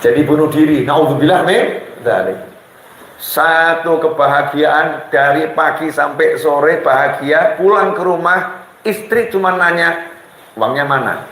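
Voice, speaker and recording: A man with a high voice preaches a sermon in a lively storytelling way, acting out the people in his stories. His voice rings through a very echoey hall. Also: a little slow.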